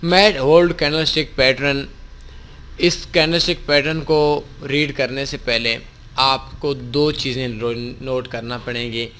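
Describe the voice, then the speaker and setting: A man walks through a candlestick chart in a tutorial. He explains patiently and repeats points as he goes. His voice sits at a middle pitch. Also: steady tone, pushed and bright, slight background noise. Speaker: forex trading instructor. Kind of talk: screen-recorded tutorial explanation.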